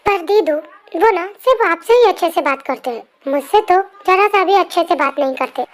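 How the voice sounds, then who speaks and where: A woman's voice: very high voice, animated, normal speed. A woman voicing a cheeky, whiny teenage younger sister in a fan story narration, talking with a pout. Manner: whiny, pouting. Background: faint music.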